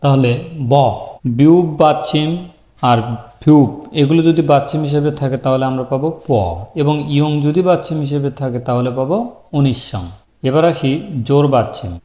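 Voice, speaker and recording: A man's voice: medium pitch, steady tone, brisk, warm tone. Man teaching a lesson, answering his own questions. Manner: asks questions and answers them himself. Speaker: Korean language teacher. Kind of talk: explaining a language lesson. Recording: echoey room.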